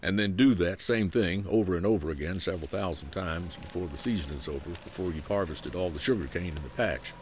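A man with a Southern US accent narrating a documentary feature in a folksy, unhurried storytelling way. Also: deep voice, background noise. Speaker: program host and narrator. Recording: voice-over with music underneath.

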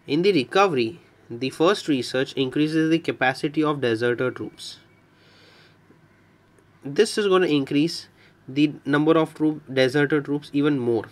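Male gaming host, somewhat high pitch, voice-over tutorial, explanatory and chatty. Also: normal speed. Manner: explanatory, repeats points, addresses viewers as dear friends. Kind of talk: game guide walkthrough. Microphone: voice-over on screen recording.

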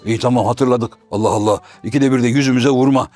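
A man voicing a simple-minded male shadow-puppet jester who stammers, mishears words and is slow to understand, in a traditional puppet comedy. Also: steady tone, a little mellow, faint music behind, close to an everyday voice. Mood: sulky. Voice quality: low, mumbling and stammering.

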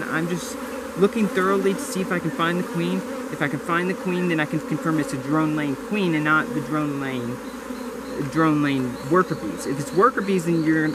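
A young man vlogging outdoors on his homestead, explaining his beehives in a rambling way that keeps correcting itself. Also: a little high. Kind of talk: casual vlog narration. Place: outdoors in a garden among bushes and beehives. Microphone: camera mic, handheld or close framing. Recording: outdoor camera audio with insect noise. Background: buzzing bees and insects.

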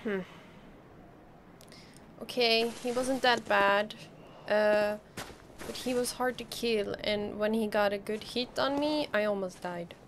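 A woman's voice: medium pitch, slow, slight background noise. A woman playing a video game and commenting as she goes, anxious and exclaiming, often talking to herself. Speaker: gaming channel host. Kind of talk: let's play commentary.

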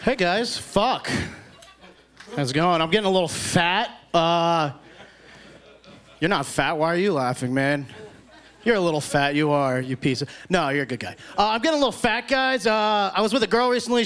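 A man in his thirties doing halting, sweary stand-up and bantering at the crowd on a handheld club microphone. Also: high voice, lively intonation, fairly bright tone. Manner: halting, swearing, talks at the audience. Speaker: stand-up comedian. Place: comedy club stage.

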